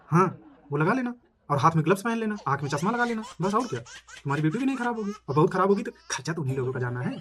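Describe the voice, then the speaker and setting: Young male comic, high-ish rapid delivery, blustering then meek on a phone call. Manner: brash boasting that turns sheepish and backpedaling. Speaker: comedian playing a brother on the phone.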